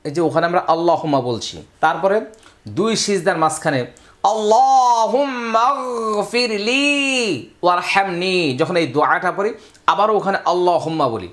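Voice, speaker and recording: A man teaching a Quran reading lesson, explaining rules and then chanting the words slowly in a raised voice. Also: a little high, a bit bright. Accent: Bangladeshi Bengali. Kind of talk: step-by-step recitation lesson.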